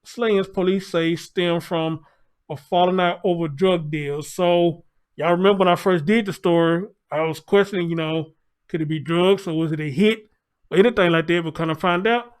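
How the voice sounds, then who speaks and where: A man with a fairly high voice talks through a face mask, slightly muffled. He gives a casual news update to his viewers, halting often and repeating phrases for emphasis. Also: fairly even intonation, clear, resonant tone. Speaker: online news commentator.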